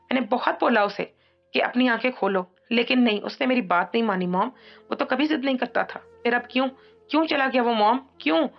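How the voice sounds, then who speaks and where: A woman's voice: medium pitch, expressive, slow pace, gravelly, few pauses. A woman voicing a young woman crying with grief and stammering through her sobs in an audiobook drama. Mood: grief-stricken. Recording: dull lo-fi audio, faint music.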